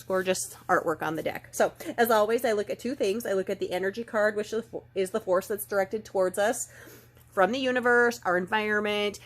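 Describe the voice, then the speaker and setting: A middle-aged woman with a medium-pitched, slightly stuffed-up, nasal voice gives a casual spiritual oracle card reading, gently and earnestly reading passages aloud.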